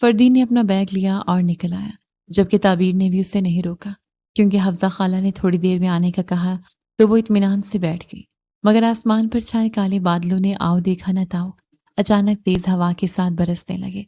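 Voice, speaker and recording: A woman reading a romance novel aloud in a steady, expressive way. Her tone is warm and mellow, and her pitch sits at a middle height. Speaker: narrator. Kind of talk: scripted narration of a romance novel.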